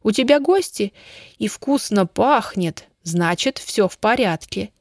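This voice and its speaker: A woman's voice: medium pitch, animated, a little slow, dry recording, studio quality. Woman reading an eager, affectionate grandmother.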